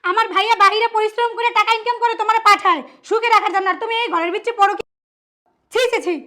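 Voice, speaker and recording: Woman as outraged young sister-in-law, very high, fast scolding. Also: steady tone, bright, forceful tone, echoey room. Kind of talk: melodramatic short-film acting.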